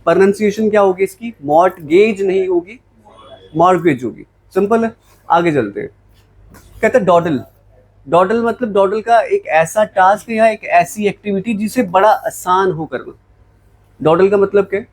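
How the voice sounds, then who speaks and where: On a low-quality recording, a man from Jammu, India, whose voice sits high, teaches English words to a class at a moderate pace. He mixes Hindi with English and asks and answers his own questions.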